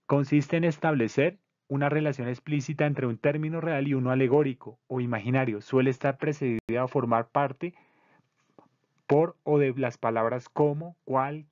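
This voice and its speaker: Man with a measured, teacher-like delivery. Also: mid-range voice, a little mellow, no echo, dull audio. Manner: measured and didactic, spelling out syllables, with occasional slips and restarts. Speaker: presenter of a literary discussion circle. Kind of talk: explanatory talk on poetry, reading definitions and examples.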